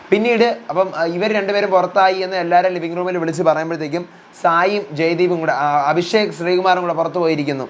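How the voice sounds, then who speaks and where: A man's voice: a little high, slight background noise. A young man recapping a reality show episode in casual, chatty speech, retelling what the housemates said. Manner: rapid chatty retelling, voicing housemates' quotes. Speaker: reality show reviewer, channel host.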